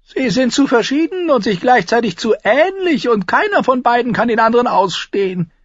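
A man's voice: very high voice, lively intonation, moderate pace, no room sound, highs cut off, voice pushed up. A male audiobook narrator voicing a witty, sly dwarf lord in a raised, mocking voice. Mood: wry. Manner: mocking, wheezing with laughter.

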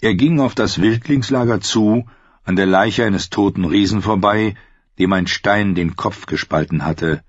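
Husky male audiobook narrator. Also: lowish voice, measured pace, no echo. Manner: lively, expressive reading. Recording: muffled lo-fi recording.

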